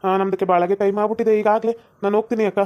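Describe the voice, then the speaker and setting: A woman's voice: medium pitch, level tone, very fast, lightly acted. Woman playing a chatty nosy village postman. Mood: hurried. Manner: nosy, teasing banter. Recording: slightly dull lo-fi recording.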